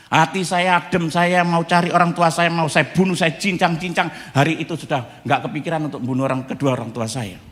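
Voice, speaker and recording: A man, a pastor giving a humorous testimony sermon in a lively storytelling manner that acts out the voices of the people in his story. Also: medium pitch. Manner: lively, jokey storytelling, acting out quoted voices. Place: church hall. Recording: reverberant church hall.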